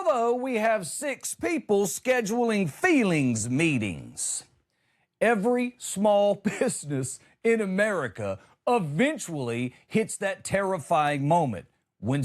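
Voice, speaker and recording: Hosting a comedy show, this man delivers a chatty monologue whose punchlines land with exasperated emphasis. His voice sits high.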